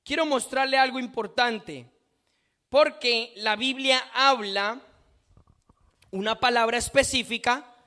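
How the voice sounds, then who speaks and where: A man's voice: extremely high pitch, takes it slowly, long pauses, bright, forceful tone. A man preaching a sermon, reading scripture aloud and repeating phrases for emphasis.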